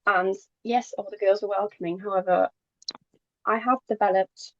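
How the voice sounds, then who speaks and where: This young adult podcast guest and pageant queen is a native Polish speaker who left Poland for England at ten, and she chats informally with the occasional stumble. Her medium-pitched voice has fairly even intonation and a moderate pace, in a dry recording with the highs cut off.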